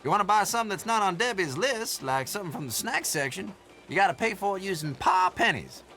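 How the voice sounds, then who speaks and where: An actor playing a folksy, teasing old country shopkeeper with an American Southern accent and a youthful, sprightly manner, in a video game. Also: male voice, high voice, animated, quick pace, bright, forceful tone. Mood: friendly, explanatory. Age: older. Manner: youthful, spry elder, folksy and playful. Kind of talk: video game character dialogue.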